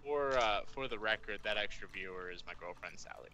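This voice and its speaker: A man's voice: on the low side, fairly quick, bright, forceful tone. A man joining a casual gaming stream, bantering playfully. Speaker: co-player on stream.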